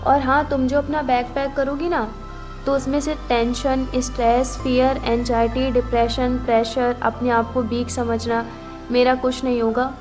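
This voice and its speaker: Young woman doing a sweet encouraging little bird that's her heart, high voice, soft music behind. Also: little pitch movement, a little slow. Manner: encouraging, soothing. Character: kind female talking bird, the heart.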